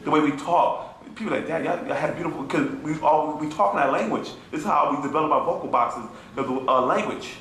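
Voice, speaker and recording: A fairly high-voiced man gives an informal lecture to a small group. He is animated and mocking and keeps checking in with his listeners. The echoey room has a faint hum of ambient noise behind him. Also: a little fast, few pauses. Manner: animated, mocking, keeps asking "you feel me?". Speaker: class teacher.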